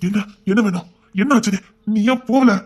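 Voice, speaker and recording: A man's voice: high-pitched, a little mellow, slightly rough. A man playing a young rowdy who broods over a past heartbreak and scolds a woman for coming back. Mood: exasperated. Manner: scolding, rapid, exasperated. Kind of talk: amateur romance drama acting.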